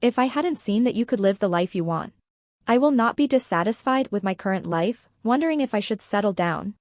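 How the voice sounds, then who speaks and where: A woman's voice: mid-range voice, a little mellow, no room sound, clean studio sound, close to an everyday voice. A woman voicing a bitter, vengeful young woman in an audiobook story, with an accusing, resentful manner.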